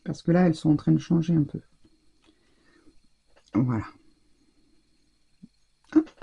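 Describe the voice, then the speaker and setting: A woman's voice: low voice, unhurried, vocal fry, dark tone, breathy edge, muffled recording. A woman chatting to viewers as she demonstrates a craft technique, talking while she works and often restarting her sentences. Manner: talks straight to viewers while working, restarts and trails off. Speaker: craft tutorial host.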